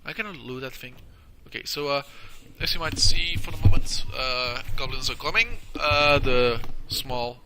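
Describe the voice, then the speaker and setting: A man giving casual, halting video game walkthrough commentary, crowded with uhs, sounding stuffed up from tissue in his nose. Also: medium pitch, noisy background. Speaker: gameplay video host.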